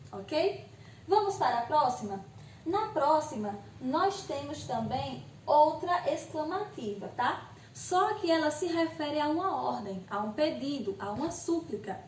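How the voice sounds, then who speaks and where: A woman's voice: high voice, a little mellow, slight background noise. A woman teacher with a Brazilian accent gives a recorded video lesson to eighth graders. She explains patiently, often checks in with "ok?", and voices her students' questions herself. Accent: Brazilian Portuguese. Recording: echoey room, voice a bit far from the mic.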